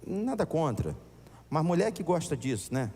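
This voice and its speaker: A man preaching a sermon as pastor, animated and acting out voices in his stories. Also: a little high, moderate pace, breathy edge. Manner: animated, acts out voices in anecdotes. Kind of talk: storytelling sermon. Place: church. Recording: echoey church hall.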